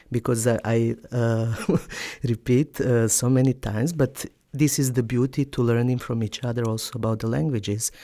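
A woman hosts a radio interview from the studio in non-native English. She leans on fillers and restarts, laughs readily between phrases, and circles slowly toward each question. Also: rumbling low, dark tone. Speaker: radio show host.

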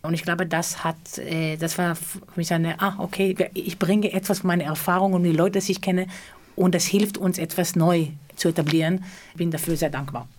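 A woman's voice: on the low side, steady tone, normal speed, darkish tone. A middle-aged woman from Israel, a choreographer, speaking German in an interview, often searching for words. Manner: searching for words, frequent hesitations. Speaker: choreographer and theatre co-founder. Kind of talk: interview answer.

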